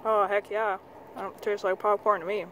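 A woman's voice: medium pitch, little pitch movement, normal speed. A young woman filming a friend outdoors, chatting in a playful, teasing way. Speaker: companion behind the camera. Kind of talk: casual chat. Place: outdoors beside a highway on lava rock. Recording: noisy outdoor phone recording.

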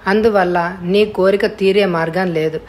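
A woman reading an audiobook voices a frightened young woman who pleads softly. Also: medium pitch, steady tone, a little slow, lightly acted. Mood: earnest. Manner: soft, pleading. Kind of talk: audiobook character voice.

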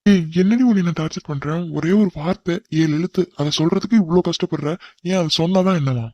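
A man's voice: fairly high pitch, fast talker, darkish tone, no echo, dull audio, lightly acted. A man voicing a cocky young man in a cartoon who bossily teases his cousin. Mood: teasing. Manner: bold, bossy teasing. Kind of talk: cartoon voice acting.

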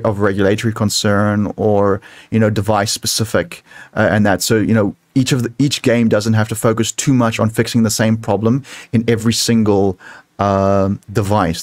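Man, slightly low voice, dry close sound, halting speech, video call Q&A. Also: no room sound. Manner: halting, many restarts and fillers. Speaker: software developer speaking at a meetup. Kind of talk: casual tech talk Q&A.

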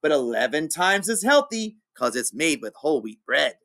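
A man's voice: a little high, very animated, normal speed, pushed and bright, dry recording, clean studio sound, exaggerated voice. A man voicing a cheerful male animal host who makes grand little speeches in a storybook read-aloud.

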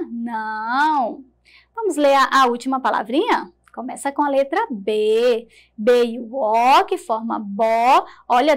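A woman teacher from Brazil giving an early-grade lesson, sounding out words slowly syllable by syllable in an encouraging way. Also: high voice.

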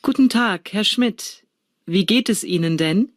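A woman acting a polite, businesslike doctor in a scripted language-exam dialogue, speaking clearly. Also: medium pitch, unhurried, very noisy, close to an everyday voice. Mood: polite, attentive. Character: female doctor, polite and businesslike, seeing a patient.

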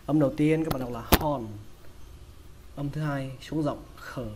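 A man with a Vietnamese accent teaching English pronunciation, breaking each word into sounds and repeating it slowly. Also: a little high, steady tone, very noisy. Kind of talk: slow, drilled pronunciation lesson.

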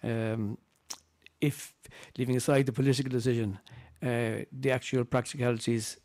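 A middle-aged man with an Irish accent, giving a loosely spoken conference presentation in halting, repetitive phrases into a table microphone. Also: mid-range voice, flat delivery, darkish tone, no echo. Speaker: campaign speaker on a panel.

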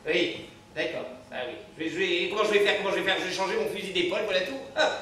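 An actor playing a polite, flustered household employee in a live stage comedy, fussing and pleading into a telephone. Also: male voice, high-pitched, fairly even intonation, fast, bright, forceful tone, slight background noise. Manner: polite, fussy and exasperated on the telephone. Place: theatre stage. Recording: echoey theatre stage from far off.

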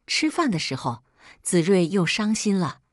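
A woman narrating a scripted story with a lively storytelling cadence. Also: lowish voice, moderate pace, no room sound, clean studio sound.

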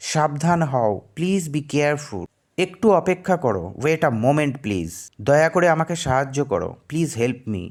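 A man reading everyday phrases for learners, each Bangla phrase followed by its English translation, which he says slowly. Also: fairly high pitch. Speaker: English teacher.

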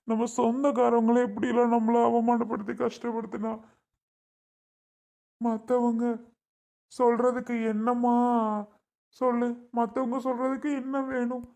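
A man's voice: extremely high pitch, warm tone. A man playing a grieving young husband and brother, lamenting through sobs. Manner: sobbing, pleading lament. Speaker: actor in a family skit.

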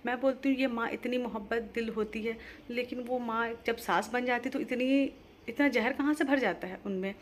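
A woman's voice: mid-range voice, a little hiss or hum. Earnest pleading woman vlogger. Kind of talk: heartfelt monologue to camera.

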